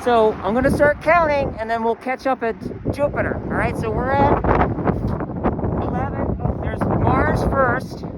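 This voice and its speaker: A woman's voice: high voice, measured pace. Breathless woman teaching astronomy outdoors. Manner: enthusiastic, explanatory. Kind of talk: outdoor walking science lesson. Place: outdoors on a campus. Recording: wind noise outdoors.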